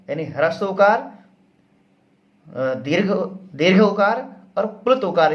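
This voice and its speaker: A man with a fairly high voice explains grammar rules at a slow, patient pace. He keeps repeating each term and poses questions only to answer them himself. The recording sounds a little dull and lo-fi. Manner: repeats terms slowly, asks and answers his own questions. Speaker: Sanskrit grammar teacher.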